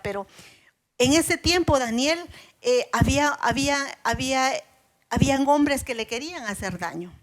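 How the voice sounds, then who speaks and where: A woman preaching an earnest sermon at a women's church service, slowing down to stress the scripture she quotes. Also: fairly high pitch.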